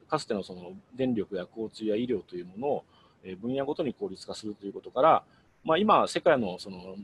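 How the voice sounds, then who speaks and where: A middle-aged man talks fast through a webinar slide deck, explaining each point and often pausing on filler sounds. His pitch rises and falls a lot as he goes. A faint hum sits under his voice. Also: darkish tone. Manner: explanatory, with frequent hesitation fillers. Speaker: guest speaker.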